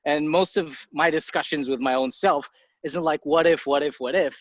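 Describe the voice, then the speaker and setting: A man in his thirties from Egypt, an entrepreneur appearing as a guest, answers casual interview questions bluntly and easily, swearing casually and making quick, impulsive asides. His voice is a little high for a man. The podcast audio is dry and a bit muffled, with no echo.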